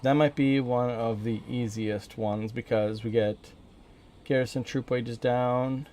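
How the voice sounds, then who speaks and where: A man's voice: medium pitch, steady tone, measured pace, dark tone. A man with an American accent streaming a video game, chatting informally and thinking aloud as he goes. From northern Minnesota, USA. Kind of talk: casual gaming commentary.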